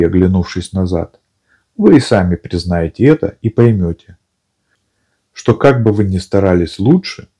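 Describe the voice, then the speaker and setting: A man narrating an audiobook in a calm, even storytelling manner. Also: lowish voice, slightly rough. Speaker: audiobook reader.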